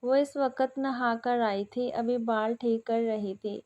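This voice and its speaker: Novel narrator, woman, steady dramatic read, slightly high voice. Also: muffled recording. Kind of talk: storybook narration.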